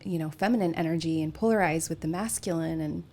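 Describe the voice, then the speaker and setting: A woman in a casual group discussion, speaking in a calm, steady, affirming way. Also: low-pitched, fast.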